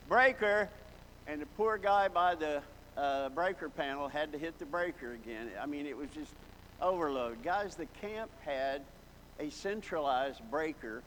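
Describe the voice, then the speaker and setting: Folksy male preacher, fairly high voice, long church-hall reverb. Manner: folksy, reminiscing, building to emphatic exclamations. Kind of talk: sermon with storytelling. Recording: long hall reverb, faint background noise.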